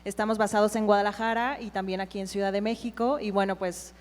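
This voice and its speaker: A woman introducing herself as a designer and architect on a panel, measured. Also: mid-range voice, flat delivery, big-room sound.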